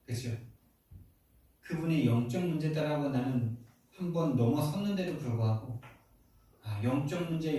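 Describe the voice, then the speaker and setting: Male pastor in his forties, animated sermon, slightly high voice, booming hall reverb from far off. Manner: animated, heated storytelling. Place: large echoey church hall. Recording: very echoey hall, distant mic.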